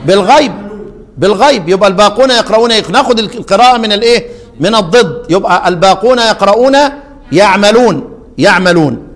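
A man's voice: high-pitched, animated, big-room sound. Egyptian teacher quizzing his class. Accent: Egyptian Arabic. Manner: quizzes students, chants verses slowly. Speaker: Quran recitation teacher. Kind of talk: lesson on Quran reading variants.

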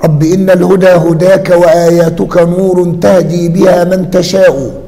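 High-voiced male teacher, echoing room. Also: steady tone, dark tone. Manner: measured, repeats and confirms words. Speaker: teacher of Arabic morphology. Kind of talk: classical text lesson, explaining.

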